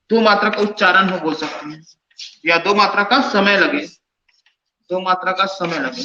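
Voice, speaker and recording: A man with a fairly high voice teaches a classroom grammar lesson, repeating each rule several times and putting questions to his students. The classroom echoes around him. The recording has a dull, muffled sound. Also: a bit bright. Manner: repeats phrases and quizzes students. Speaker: Hindi teacher. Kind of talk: classroom lecture. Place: classroom with lights off.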